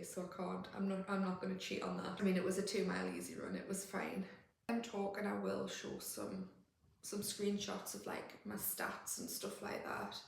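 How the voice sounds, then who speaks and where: A woman's voice: medium pitch, vocal fry, far from the mic. A woman talks casually in a weight-loss vlog, rambling and restarting her sentences. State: out of breath. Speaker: vlogger. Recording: echoey room, faint noise.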